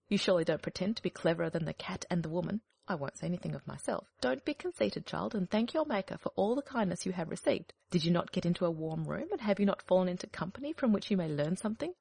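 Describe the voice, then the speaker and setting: Lady doing a high loud bossy hen, scolding and know-it-all, bit husky. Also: dry recording, heavily acted. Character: bossy, conceited female hen.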